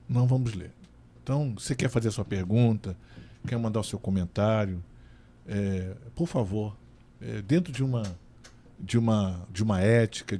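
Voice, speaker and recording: A man's voice: medium pitch, mellow. A man who is a city councillor, moderating a public question session and speaking firmly, with some restarts. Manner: firm, scolding at times, with restarts.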